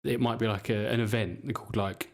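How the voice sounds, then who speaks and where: A man's voice: fairly low pitch, fairly even intonation, brisk. A man co-hosting a podcast who tells joking anecdotes with hesitant fillers. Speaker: podcast co-host. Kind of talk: casual chat.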